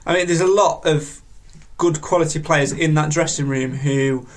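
A man hosting a football fan podcast, reading out viewer comments in a casual, halting way with many ums and restarts. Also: fairly high pitch.

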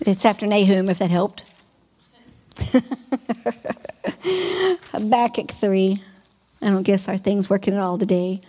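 A woman preacher giving a sermon, reading scripture aloud and then exhorting her listeners in an animated way. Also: mid-range voice, long reverb tail.

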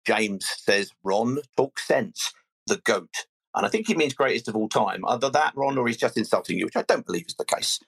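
Hosting a relaxed live phone-in for football fans, this man speaks with a Mid-Surrey accent from southern England. He talks fast with lively intonation, vocal fry and few pauses, his mid-range tone fairly bright but slightly rough. He sounds hesitant, often repeating words mid-sentence as he collects his thoughts.

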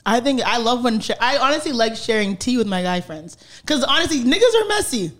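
A woman's voice: fairly high pitch, very animated, brisk, fairly bright tone. Laughing, teasing young woman podcast host. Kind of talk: casual podcast chat.

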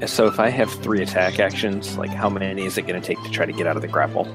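A man's voice: deep voice, fast talker. A man chatting casually as a player in a tabletop game. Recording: music behind voice. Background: music.

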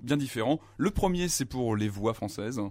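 A man's voice: medium pitch, animated, normal speed, darkish tone, no room sound, clean studio sound. A man co-hosting a casual gaming podcast, speaking hesitantly with many fillers. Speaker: co-host.

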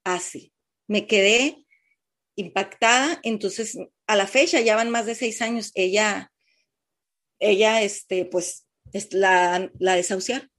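A middle-aged woman with a Mexican Spanish accent telling the listeners her personal cancer story in a heartfelt, halting way. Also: medium pitch, fairly bright tone. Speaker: breast cancer patient sharing her story. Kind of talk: emotional personal testimony.

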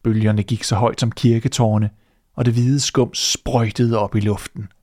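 Man calmly reading a fairy tale. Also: medium pitch, no room sound, studio quality. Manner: steady, even narration. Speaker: storyteller. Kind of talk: storybook reading.

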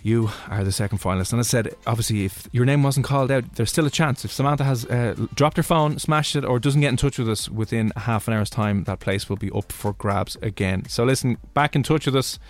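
A man's voice: mid-range voice, a little fast, hardly any pauses, soft background music. A man with an Irish accent hosting live radio in a casual, rambling way, often interrupting himself. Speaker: radio host. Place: radio studio.

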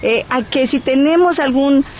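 A woman's voice: high voice, normal speed, slight background noise. A woman from Guerrero with a Mexican accent, speaking as a guest in a radio interview. She argues her case earnestly and stops often on hesitation sounds. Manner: earnest and persuasive, with frequent "eh" hesitations. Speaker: cultural advocate, interview guest.

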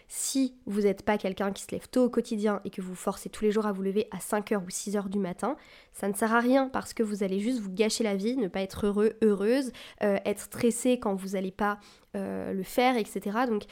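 A woman's voice: mid-range voice, a little mellow. A young woman hosting her own podcast from home into a desk mic, chatting casually and encouragingly, with loose phrasing and plenty of fillers. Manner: chatty, loose, with many fillers and English buzzwords; self-described anxious, encouraging tone. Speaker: podcast host. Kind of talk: casual solo podcast chat. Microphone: desk mic on a boom arm.

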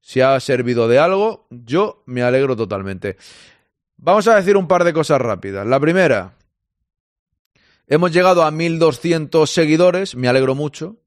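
A man's voice: on the high side, lively intonation, moderate pace, dry recording, clean studio sound. A man with a Spain Spanish accent hosting a live sports stream, chatting casually and joking as he reads out listener comments. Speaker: sports podcast host.

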